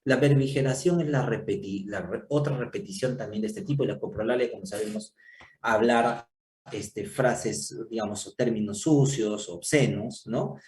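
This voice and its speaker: A man's voice: on the low side, normal speed, darkish tone. A man giving a psychiatry lecture, explaining terms and often checking in with rhetorical questions. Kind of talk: university lecture. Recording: echoey room, distant mic, faint noise.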